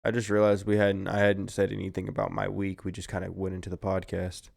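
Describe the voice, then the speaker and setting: A man's voice: low-pitched, monotone, fast, creaky, a little mellow. A tired young man co-hosting a podcast, chatting casually and rambling, with plenty of swearing. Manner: laid-back, heavy swearing, rambling. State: tired, yawning. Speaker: podcast co-host. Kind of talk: casual chat.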